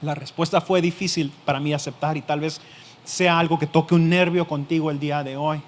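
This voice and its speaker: A male pastor delivering a sermon, speaking in a voice pitched somewhat high for a man. He addresses the listener directly and returns again and again to the same key phrases. Many sentences start firm and then sink to a soft, hushed finish. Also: fairly even intonation, a little fast. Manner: emphatic, repeats key phrases, drops to a quiet hush at phrase ends.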